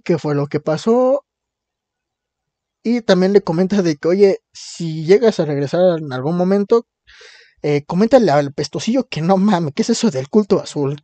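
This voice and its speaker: Mexican guy chatting about comics, highish voice, kinda dark tone, dry sound. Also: no echo. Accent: Mexican Spanish. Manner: slangy, laughing plot retelling. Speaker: podcast host recapping a comic. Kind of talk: casual chat.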